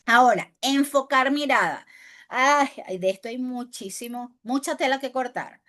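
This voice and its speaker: Woman teacher, venezuelan accent, slightly high voice, lively lecture with rhetorical questions. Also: measured pace. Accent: Venezuelan Spanish. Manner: animated, swings loud and soft, asks rhetorical questions. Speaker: teacher of spokesperson training. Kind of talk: classroom lecture.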